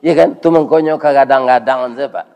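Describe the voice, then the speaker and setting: A middle-aged man preaching a sermon with a Minangkabau accent, lively and joking, who keeps asking his listeners for agreement. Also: medium pitch, normal speed, gravelly, muffled recording.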